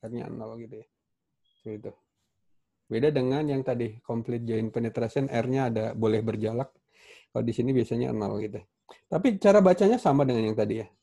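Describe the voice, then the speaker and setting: A man's voice: medium pitch, dark tone. Man teaching welding on a video call. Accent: Indonesian. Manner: casual, halting, many fillers and restarts. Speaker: welding instructor. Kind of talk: online class lecture. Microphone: computer mic on a video call.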